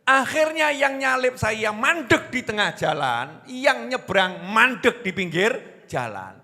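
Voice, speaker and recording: A man with a Javanese accent delivers a sermon in a bright, high voice that swings widely in pitch. He speaks slowly and acts out the people in his stories. His voice carries a long reverb, as if in a large hall. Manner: animated storytelling, acting out quoted voices, mixing in Javanese. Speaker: preacher.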